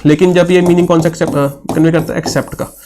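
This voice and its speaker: A man's voice: a little high, flat delivery, mellow. A young man teaching English for an exam, patiently explaining answers and asking and answering his own questions. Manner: mixes Hindi with English terms, reads questions slowly. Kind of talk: exam-prep lesson, solving questions aloud.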